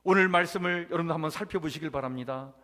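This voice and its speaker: Male pastor, high voice, earnest sermon delivery that builds on key words, reverberant church hall. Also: fast, sharp tone. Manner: earnest preaching, swelling on key words, addresses the congregation. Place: church sanctuary.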